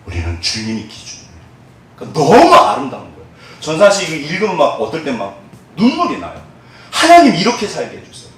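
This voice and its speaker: Male pastor preaching, higher voice, wildly swinging pitch, booming echoey hall, mic set back. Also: fast talker, distant mic. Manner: animated, acts out quoted voices of church members; drops to soft, hushed tones in prayerful moments. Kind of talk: sermon. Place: church sanctuary.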